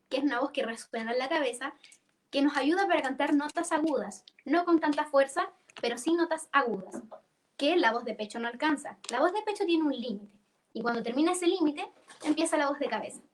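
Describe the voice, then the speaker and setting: A woman's voice: high voice, a little hiss or hum. A young woman teaching a church singing workshop, explaining vocal registers and demonstrating them by singing.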